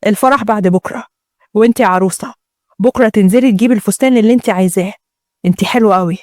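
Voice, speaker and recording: A woman's voice: mid-range voice, racing, warm tone, dry recording, clean studio sound, voice pushed down, close to an everyday voice. A woman with an Egyptian accent voicing a wealthy husband who apologizes and begs his wife. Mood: courting. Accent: Egyptian Arabic. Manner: apologetic, pleading. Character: rich weak-willed husband, man.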